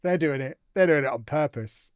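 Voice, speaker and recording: A man with a somewhat high voice streams a football management game, talking at a normal speed and reacting to viewer comments with amused indignation. It's casual live-stream chatter over gameplay, recorded with studio quality and no echo.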